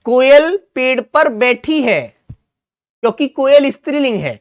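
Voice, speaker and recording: A man's voice: very high voice, expressive, slow, smooth. Male hindi grammar teacher, online exam-prep class, quizzes students, answers his own questions, affectionate tone. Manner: asks students questions and answers them himself, calls them "beta" and "mere bhai".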